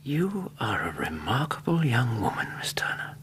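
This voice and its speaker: An actor with an English accent playing a courteous, kindly doctor in a radio drama, reassuring and gently probing. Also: male voice, medium pitch, very animated, normal speed, slight background noise. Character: Doctor Watson, courteous, kindly male physician and investigator's companion.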